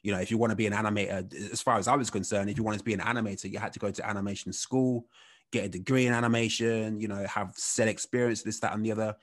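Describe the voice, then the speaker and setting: A man, telling his story as a podcast guest in a relaxed, rambling way, with many "you know" fillers. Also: lowish voice, racing. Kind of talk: casual storytelling interview.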